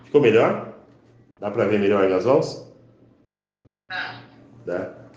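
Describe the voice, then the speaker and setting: A man leads a spiritual class, slowly intoning prayers and repeated chants. His voice sits on the low side and rings through a very echoey room. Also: lively intonation, darkish tone, muffled recording. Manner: slow, intoning, drawn-out chanting delivery. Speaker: spiritual teacher.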